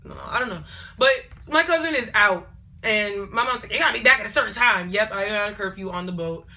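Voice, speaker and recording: A young woman telling a casual storytime on her vlog, animated and digressive, often repeating herself. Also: mid-range voice, quick pace. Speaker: vlogger.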